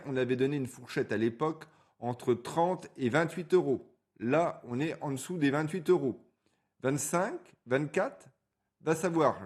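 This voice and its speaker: A man's voice: on the high side, darkish tone. Blunt French man giving stock chart commentary. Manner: blunt and colloquial, stumbles now and then. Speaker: stock market chart analyst, channel host. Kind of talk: casual market commentary.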